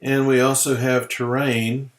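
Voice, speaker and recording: Male tutorial presenter, mid pitch, relaxed folksy walkthrough of software features. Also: a little slow. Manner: relaxed, folksy explaining with fillers. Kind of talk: screen-recorded software walkthrough.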